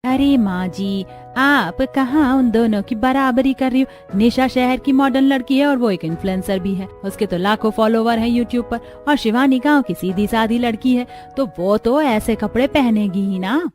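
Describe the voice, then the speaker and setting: Woman voicing a young neighbour bride, reasoning, high voice, faint music. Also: normal speed, few pauses, a little mellow, close to an everyday voice. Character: young neighbour daughter-in-law, sensible.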